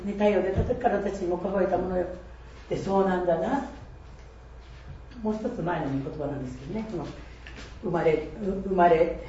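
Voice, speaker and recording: A woman's voice: mid-range voice, mellow. Woman in her 60s testifying in an echoey church. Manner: earnest, reflective, quotes scripture, laughs at herself. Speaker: church member giving testimony. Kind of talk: personal faith testimony. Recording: echoey and distant, dull with faint noise.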